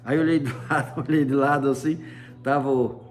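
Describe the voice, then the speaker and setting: A man with a steady, mid-range voice relates a personal experience fairly quickly, with a little hiss or hum on the recording. He tells it casually and chattily, often adding "né?" and using lots of affectionate diminutives.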